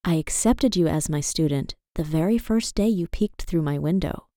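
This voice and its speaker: A wise older archery master speaks softly and low, as a woman narrator puts her on for a children's storybook. The voice is calm and gentle, a touch deeper and quieter than a reading voice. It sounds close and dry, with no room around it. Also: normal speed, no room sound, natural voice.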